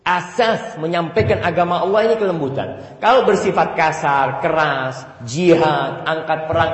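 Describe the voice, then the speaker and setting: A man preaching a sermon, his voice on the high side for a man. He swings from loud, bright peaks to low, hushed asides and breaks into chanted verses. The recording rings with a long hall reverb. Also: normal speed. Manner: animated, chants Quranic verses. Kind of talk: Friday sermon. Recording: echoey hall, voice a bit far.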